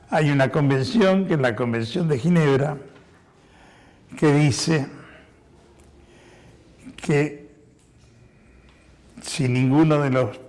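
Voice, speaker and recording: In a hoarse, slightly mellow mid-range voice, a man in his sixties who was born in Spain shares his war veteran's testimony with an audience. He explains things carefully, hesitating many times.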